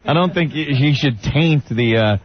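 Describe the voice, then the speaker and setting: A man's voice: mid-range voice, normal speed, a little hiss or hum. Radio guy doing a goofy sarcastic ad read, muffled old aircheck. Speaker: radio show co-host. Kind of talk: casual radio banter and live read.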